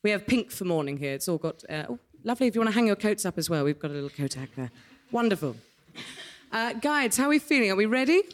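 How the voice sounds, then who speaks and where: A woman's voice: mid-range voice, big pitch swings, quick pace. A woman with a British accent hosting a live game show on stage, ad-libbing with playful, quirky asides. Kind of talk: light, ad-libbed live stage presenting. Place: small theatre stage in front of an audience.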